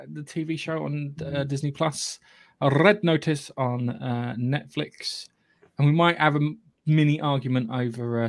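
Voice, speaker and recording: A man with a British accent hosting a podcast, giving a casual, opinionated film review in a halting, sweary way. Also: on the high side, vocal fry. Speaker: podcast host.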